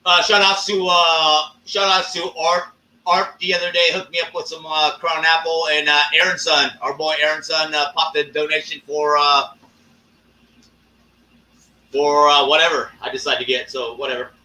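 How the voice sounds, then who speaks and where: A man hosting a live stream, talking casually and ranting with lots of swearing and drawn-out fillers. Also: on the high side, little pitch movement, pushed and bright, distant mic. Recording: echoey room, off-mic.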